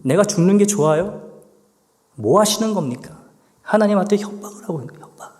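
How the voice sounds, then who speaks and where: A man's voice: high-pitched, animated, a little fast, a little mellow. A male pastor preaching a sermon, now and then acting out a pleading prayer of complaint. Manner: acts out the psalmist's complaints in a pleading voice. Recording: long church reverb.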